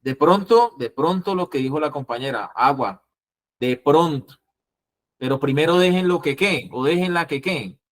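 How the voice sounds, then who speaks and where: A man with a Colombian accent teaching an interviewing class, acting out the calm phrases he wants students to use. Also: on the high side, normal speed. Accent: Colombian Spanish. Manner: lively, acts out calming phrases. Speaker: instructor.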